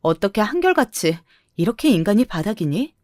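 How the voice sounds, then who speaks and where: A woman's voice: mid-range voice, big pitch swings, a little fast, a little mellow, dry recording, studio quality, lightly acted. A woman voicing a blunt, successful woman near forty who answers in curt, cutting retorts. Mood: scornful.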